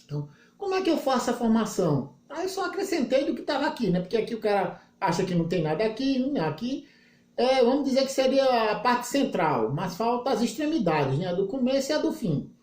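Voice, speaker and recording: A man's voice: extremely high pitch, sing-song, fairly quick, darkish tone, echoey room. A male English teacher giving a recorded lesson, explaining step by step with folksy examples and checking in with the class often.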